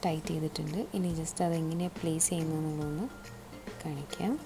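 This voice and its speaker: This product installation tutorial features a woman with a Malayali accent giving a hands-on, step-by-step demo, chatting casually and using English terms. Her low-pitched voice keeps a level tone at a fairly quick pace, with background music clearly audible.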